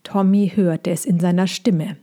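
A woman narrating a children's storybook in a gentle, even way. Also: lowish voice, measured pace. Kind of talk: storybook reading.

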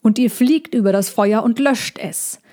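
A woman's voice: fairly high pitch, a little slow, dark tone, voice pushed up, close to an everyday voice. A woman voicing a grumpy, reluctant male hedgehog in a storybook reading, dry and grumbling.

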